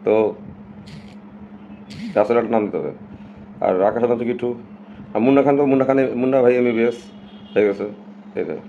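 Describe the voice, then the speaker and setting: A man's voice: mid-range voice, a little fast, pauses often, narrow, tinny audio, a little hiss or hum. A man from Bangladesh, talking casually and emphatically to his viewers on a live stream and slipping English phrases in.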